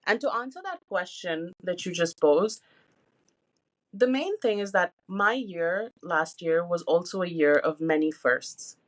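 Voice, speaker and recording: A woman's voice: lowish voice, animated, a little slow. Candid woman in her thirties. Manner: candid, open, uses many fillers like "you know". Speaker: podcast co-host. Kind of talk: casual personal podcast talk.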